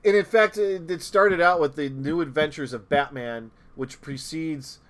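A man's voice: a little high, a little slow, over a noisy crowd. A man co-hosting a podcast in casual chat, enthusiastic and laughing often. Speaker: podcast co-host.

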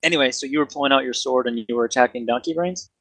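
A man narrating a tabletop fantasy game as game master, conversational and halting as he improvises scenes. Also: mid-range voice, a bit bright, dry recording.

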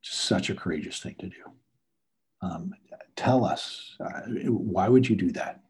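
A man, a pastor, interviewing a church member and encouraging her, at times bursting with excitement. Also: deep voice, measured pace, creaky, slightly rough.

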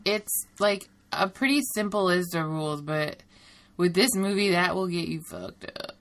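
A woman's voice: lowish voice, normal speed, a bit bright. A woman co-hosting a podcast, chatting casually and giggling about a movie. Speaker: podcast co-host.

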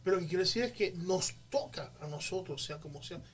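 High-voiced man making an emphatic point. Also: lively intonation, fairly quick. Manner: emphatic, teaching tone, uses homely comparisons. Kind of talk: casual church podcast talk.

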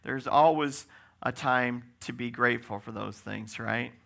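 A man's voice: mid-range voice, a little slow, creaky, a bit bright. A man preaching a conversational sermon in a folksy way, often checking in with the congregation by asking "right?".

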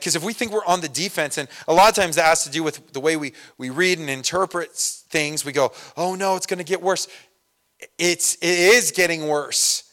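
A man delivering a sermon in a slightly high voice, talking like he's chatting with friends. He swings between punchy, emphatic lines and quiet, offhand stories, full of little asides and fillers. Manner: conversational preaching, many fillers and asides; swings from loud emphasis to soft storytelling. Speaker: pastor.

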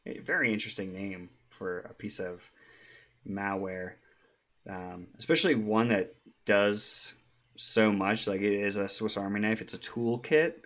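A man's voice: on the low side, a bit bright. A man co-hosting a casual tech podcast, chatty, with frequent ums and easy laughs. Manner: chatty, laughs easily, many ums and restarts. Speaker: podcast co-host.

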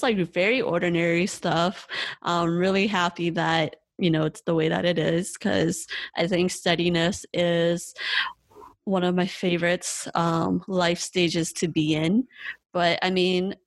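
A woman's voice: lowish voice, unhurried, dry recording. A woman co-hosting a podcast, talking in an informal, conversational way. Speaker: podcast co-host. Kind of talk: casual podcast chat.

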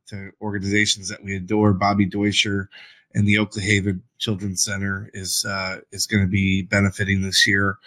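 Lower-pitched man, bright rambling chat. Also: rough recording. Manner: rambling, many fillers and restarts. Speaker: podcast co-host. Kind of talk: casual chat.

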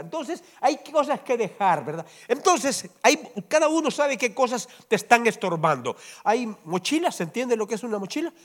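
A pastor preaching a sermon to his congregation in church, animated and often asking them to agree. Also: sits high. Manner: animated preaching, constantly asks the congregation "¿verdad?". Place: church service before a congregation.

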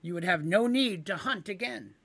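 A man doing a high, eager halfling woman. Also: lively intonation, moderate pace, creaky, fairly bright tone, no echo, exaggerated voice. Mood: persuasive. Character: bold cheerful small woman schemer.

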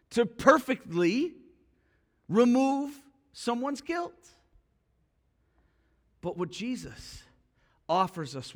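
A man preaching a sermon as pastor, telling personal stories with animated dialogue and dropping to a quiet hush for solemn points. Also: high voice. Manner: animated storytelling, acting out both sides of a quarrel.

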